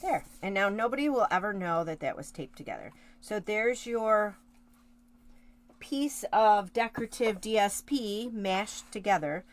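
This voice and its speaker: With a medium-pitched voice and lively intonation, a woman takes her time through a casual card-making tutorial. She chats with live viewers as she works, full of rambling asides and self-corrections.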